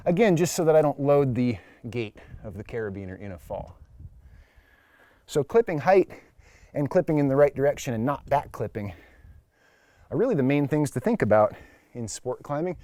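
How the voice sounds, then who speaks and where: Mellow-voiced man giving climbing instruction. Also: mid-range voice, very animated, moderate pace, long pauses, no echo, clean studio sound. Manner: plain-spoken, instructive. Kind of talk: hands-on demonstration lesson, explanatory. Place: at a climbing wall or crag, speaking while climbing.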